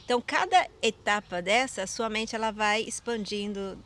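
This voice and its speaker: A woman's voice: mid-range voice, normal speed, a bit bright. Brazilian woman hosting a casual chat. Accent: Brazilian Portuguese. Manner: leads the talk by quizzing her guest. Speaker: host.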